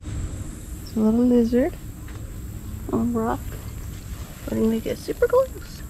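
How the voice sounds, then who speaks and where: Woman vlogger, mellow tone, casual trail commentary on handheld camera, faint outdoor hiss. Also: a little high, big pitch swings, a little slow, gravelly, low-quality recording. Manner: chatty, pointing out sights.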